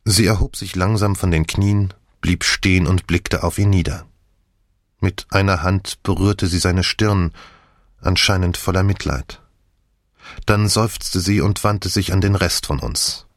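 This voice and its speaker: Deep voiced guy reading an audiobook, even and measured, dead dry sound. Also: no room sound. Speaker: audiobook narrator. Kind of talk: scripted audiobook narration.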